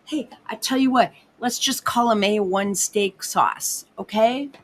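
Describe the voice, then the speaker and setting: Profane, excitable woman ranting slowly. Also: on the high side, poor audio. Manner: profane, excitable, self-interrupting. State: hiccuping. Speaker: podcast host. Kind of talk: ranting casual commentary.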